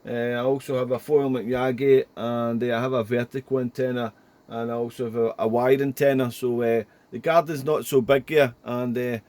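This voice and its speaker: In a small home radio room, a ham operator chats casually at a fairly quick clip, rambling and going over the same ground, often ending with "there." His pitch is medium, his tone steady and a little mellow.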